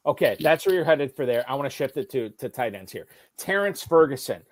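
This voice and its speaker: A man's voice: mid-range voice, expressive, no echo. A man hosting a fantasy football podcast, steering the conversation with questions. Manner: brisk, steers the discussion with questions. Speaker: podcast host.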